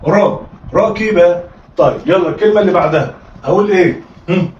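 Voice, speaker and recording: An Egyptian man with a high voice teaches a children's reading lesson, sounding out syllables and nudging his pupils along with quick prompts. He sounds a little distant in a roomy space, and the audio is slightly dull. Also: a little mellow, a little hiss or hum. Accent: Egyptian Arabic. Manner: coaxing, call-and-response drilling with frequent "ha?" prompts.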